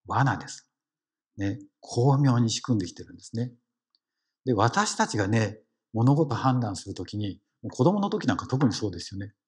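Lowish and husky, this man's voice moves at a moderate pace with lively intonation. He is a Kansai-accented lay preacher giving a conversational sermon, engaging the congregation through questions and frequent "ne" tags.

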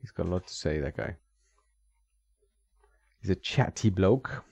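Hosting a retro game video, a man offers loose, reactive remarks while playing a classic fighting game, frequently laughing and talking back to it. His low, gravelly, slightly mellow voice moves unhurriedly with lively intonation. The sound is dull and dry with no room sound, and game music plays behind.

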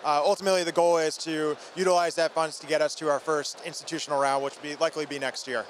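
Here a company founder in his thirties is interviewed at a busy indoor trade show booth, speaking informally and with energy into a handheld microphone. His quick-paced voice is on the high side with a level tone, and faint convention hall noise can be heard.

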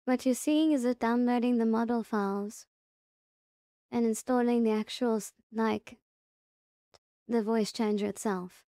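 A woman presents a software tutorial in a fairly high, very soft-edged, mellow voice, guiding the listener step by step in a casual, plain-spoken way. She keeps a steady tone and measured pace with long pauses. The sound is dry and close, with no echo and little trace of a room.

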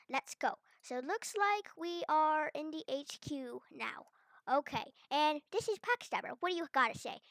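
A woman hosting a gameplay video, chatty and excitable, talking to herself as she explores. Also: high voice, dry recording. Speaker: gaming video host. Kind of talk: playful gameplay commentary.

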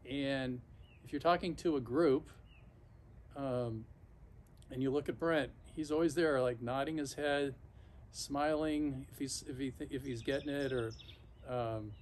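This vlogger, a man in his fifties or sixties with a medium-pitched voice, is soaking in an ice bath on his backyard patio and chatting unscripted to a camera or phone a few feet off. He's reflective and halting, breaking off mid-sentence, and clear outdoor noise is audible throughout.

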